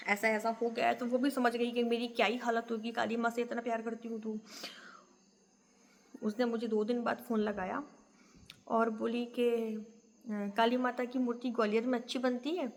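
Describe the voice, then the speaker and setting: A woman with a somewhat high voice recounts a deeply felt personal story, earnest and full of pauses. Her voice rings in a room with a long reverb tail and a faint hiss. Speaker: temple devotee telling her story. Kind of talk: emotional personal testimony.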